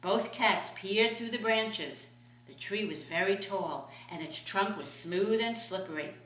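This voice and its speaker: A woman's voice: mid-range voice, unhurried, a bit bright. A sweet older woman, a grandmother, reading a children's storybook aloud expressively. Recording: echoey room.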